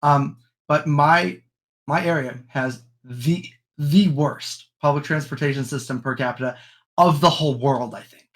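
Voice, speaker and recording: A man's voice: a little high, a little slow. Rambling young man with frequent ums. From United States. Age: young adult. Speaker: podcast co-host. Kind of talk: casual chat.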